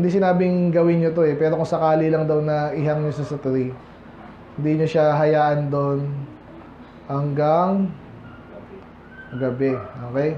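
A Filipino pastor with a fairly high voice preaches a Sunday afternoon sermon in a church hall, talking conversationally and quizzing his congregation as he goes. The church audio is echoey and slightly dull, with slight background noise.

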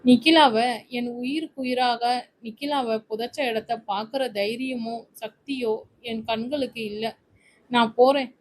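A woman's voice: fairly high pitch, steady tone, a little slow. A woman voicing a grief-stricken young man who speaks tearfully and in despair.

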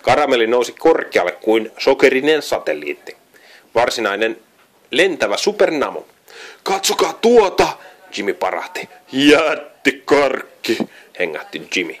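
A man's voice: fairly low pitch, big pitch swings. A man reading a children's storybook aloud, often stumbling and correcting himself. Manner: frequent slips and self-corrections while reading. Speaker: reader.

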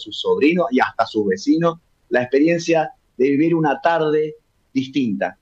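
A middle-aged Argentine man, a puppeteer and cultural manager, chats enthusiastically as a guest on a TV interview to promote a festival. His mid-range voice is a little mellow, carries an Argentine Spanish accent, and comes through on dull audio.

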